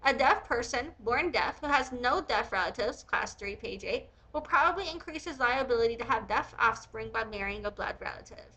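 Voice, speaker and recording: Reading a historical text aloud and critiquing it as host, a woman comments in a blunt, casual, opinionated way. Her voice is a little high with a sharp tone, and the recording is rough.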